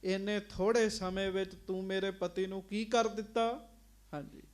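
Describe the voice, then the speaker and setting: A woman's voice: medium pitch, fairly even intonation, moderate pace, a little mellow. A woman giving a Sikh katha sermon, explaining scripture verse by verse and calling out to the congregation. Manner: acts out a heroine's angry cries in the story. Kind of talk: Punjabi religious storytelling sermon.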